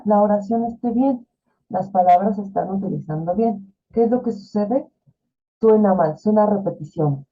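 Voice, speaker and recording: A woman's voice: mid-range voice, moderate pace, mellow. A woman teaching an online class, explaining in a chatty way with fillers and rhetorical questions. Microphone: video call. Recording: tinny phone-like video call audio.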